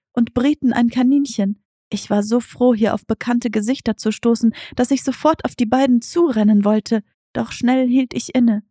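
Gravelly, dark-toned woman narrating a story. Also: a little high, no room sound, studio quality. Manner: even, descriptive storytelling. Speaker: audiobook narrator. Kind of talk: scripted first-person narration.

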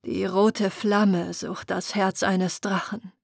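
A woman's voice: mid-range voice, flat delivery, slow, gravelly, breathy edge, no room sound, studio quality, full character voice. A woman voicing a grim, proud young woman warrior who speaks hard and bitter, in an audiobook reading. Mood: grave. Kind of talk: audiobook character voice.

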